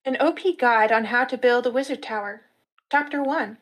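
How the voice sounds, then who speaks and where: A woman narrating a fantasy story in a steady storytelling manner at a live reading. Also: on the high side, normal speed, poor audio.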